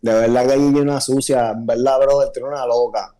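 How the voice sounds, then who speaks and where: A Puerto Rican man chats in a relaxed way on a podcast, often checking that his listener follows along. His voice is dark and mellow in tone. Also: mid-range voice, fast. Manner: laid-back, keeps asking if you follow. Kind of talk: casual podcast chat.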